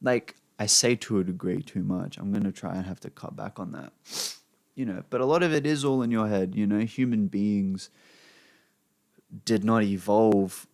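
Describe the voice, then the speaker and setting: A man's voice: on the low side, normal speed, creaky, a little mellow, no room sound, clean studio sound. A young Australian man rambling unscripted to camera as a vlogger, swearing freely and filling his talk with "you know" asides, recorded on a desk microphone at his computer. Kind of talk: unplanned rambling monologue. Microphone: desk microphone he sometimes pops.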